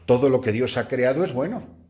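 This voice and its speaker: A middle-aged priest from Spain, speaking with a Spanish accent, gives a retreat meditation to a group of nuns and tells a story with lively, playful animation. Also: male voice, fairly quick. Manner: animated storyteller, jumps high acting out his own cries and laughs. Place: room with a small group of nuns.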